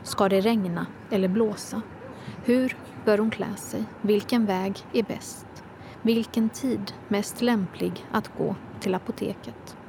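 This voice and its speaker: Woman, mid pitch, gravelly texture; calm, measured literary reading over audible vehicle rumble. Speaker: reader of her own prose. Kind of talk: literary first-person reading.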